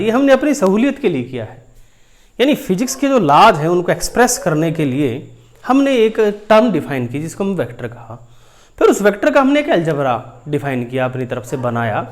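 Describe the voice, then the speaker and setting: A man teaching a physics lesson, explaining step by step while drawing and calling his students dear children. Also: sits high. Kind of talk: whiteboard lesson.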